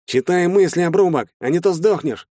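A man voicing a brash, crude male soldier who mocks and bullies others, in a higher, louder voice than his own. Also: expressive, unhurried, no room sound, clean studio sound. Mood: threatening. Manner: coarse shouting.

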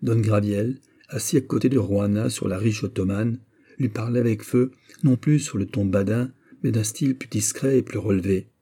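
A man narrating a classic maritime story in a measured, expressive reading. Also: lowish voice, husky. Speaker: audiobook reader. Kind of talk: literary narration.

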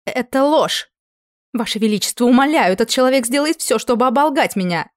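A woman voicing a desperate scheming queen, talking in a high, shrill, pleading way, in a dry recording. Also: expressive, brisk, no echo, lightly acted.

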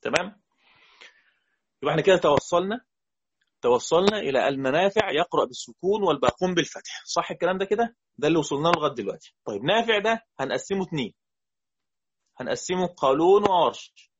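A man with an Egyptian accent teaching a lesson on Quran recitation variants, explaining in casual speech and slowly chanting the verses he quotes. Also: on the high side, expressive, breathy edge, dry recording, muffled recording. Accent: Egyptian Arabic.

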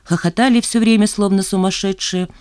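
An audiobook narrator reading a novel in an even, measured way. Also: mid-range voice, smooth, no room sound, studio quality. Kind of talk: scripted narration.

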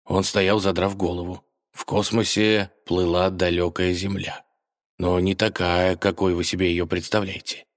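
A man narrating a fairy tale for children, gently addressing his listeners directly. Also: deep voice, flat delivery, a little slow.

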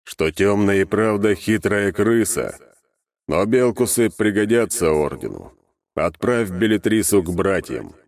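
A man reading an audiobook, voicing the calm, wise inner voice of a codex in a slow, soothing, measured manner. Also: lowish voice, no room sound, clean studio sound, voice pushed up. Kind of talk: audiobook character voice.

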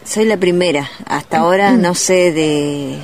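A woman from Neuquén, a ceramist guest on a radio interview, speaking gently and hesitantly with many pauses. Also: fairly low pitch, a little hiss or hum. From Neuquén, Argentina.

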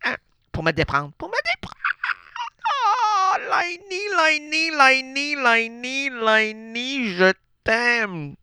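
A man with a Québécois accent putting on a high, melodramatic lovesick voice, gushing breathless declarations of love on a radio show. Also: very animated, slow, pushed and bright, smooth, heavily acted. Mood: lovesick swooning. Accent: Québécois French.

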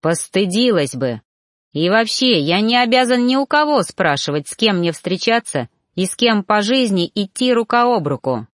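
A woman's voice: mid-range voice, very animated, moderate pace, dry recording, studio quality, natural voice. A woman voicing a brash, curt male mentor who growls his words. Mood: harsh.

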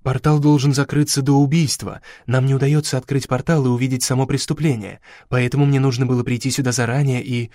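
A man voicing a young woman scientist who speaks in a hurried, pleading way in a storybook reading. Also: medium pitch, flat delivery, warm tone, dry recording, clean studio sound, lightly acted. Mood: urgent.

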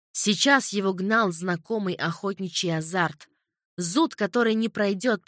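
A woman with a medium-pitched voice narrates a crime novel as an audiobook, reading the script in a calm, measured way. The recording is dry with clean studio sound.

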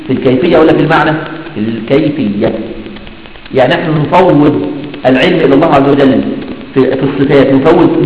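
A man with an Egyptian Arabic accent teaches an Islamic creed lesson, asking himself questions and answering them quickly. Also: a little high, slight background noise. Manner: rapid, asks and answers his own questions. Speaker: religious teacher. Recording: dull echoey hall recording.

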